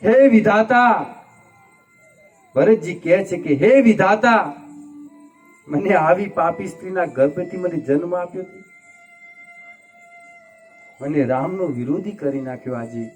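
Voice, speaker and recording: Male storyteller as young prince, grief-stricken and pleading, high voice, faint music behind. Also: expressive, slow pace, long pauses. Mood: anguished. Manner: impassioned, tearful pleading. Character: young prince Bharat, grieving and self-reproaching.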